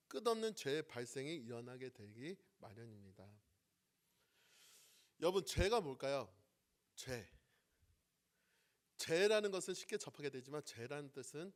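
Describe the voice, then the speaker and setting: A man preaches to his congregation in a fairly high voice. He keeps asking them questions and waiting for their replies. His phrases swing from loud, stressed lines to quiet, trailing endings. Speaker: pastor. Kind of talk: sermon.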